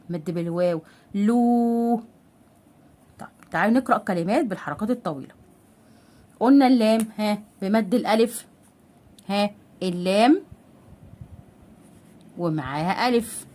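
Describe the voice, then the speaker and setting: A woman with an Egyptian Arabic accent teaching a literacy lesson step by step. She stretches out syllables slowly and asks questions that she then answers herself. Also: mid-range voice. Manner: patient, drawn-out sounding out of syllables.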